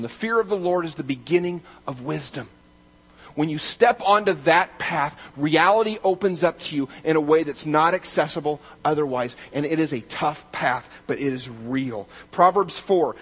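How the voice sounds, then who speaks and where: Preaching a sermon, a male pastor with a fairly high, husky voice builds to loud, emphatic declarations, then drops back to quiet, measured reading.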